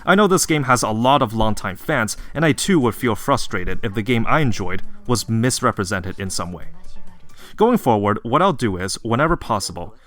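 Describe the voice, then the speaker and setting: A man reading scripted video narration as a game reviewer, in an earnest, measured and apologetic manner. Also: on the low side, animated, a bit bright, faint music behind.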